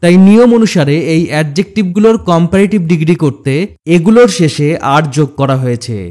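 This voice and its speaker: A man teaching a grammar lesson in a steady, explanatory way, talking straight to the learner and slowing down to repeat example words. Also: on the high side. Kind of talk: scripted grammar lesson narration.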